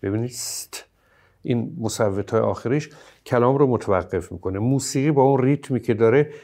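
A man teaching poetic meter, explaining slowly and stressing example syllables, with hesitant fillers between points. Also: mid-range voice, dark tone. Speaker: teacher of Persian poetry.

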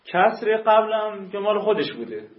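A man teaching a grammar class, explaining rules slowly and repeating key terms for emphasis. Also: high-pitched, big pitch swings. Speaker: teacher of Quranic Arabic grammar. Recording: echoey room, dull lo-fi sound.

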